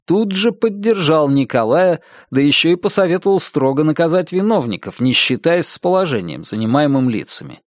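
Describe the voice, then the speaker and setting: A man reading a first-person novel aloud as an audiobook narrator, in a measured storytelling manner. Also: mid-range voice, dry recording, clean studio sound.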